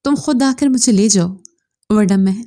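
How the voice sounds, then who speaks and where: Desperate young bride, read by a woman, tearful insistent pleading, mellow. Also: mid-range voice, normal speed, natural voice.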